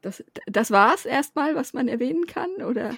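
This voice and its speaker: A woman's voice: high voice, lively intonation, moderate pace, gravelly, crowd noise. A woman hosting a podcast, asking questions in a casual interview style.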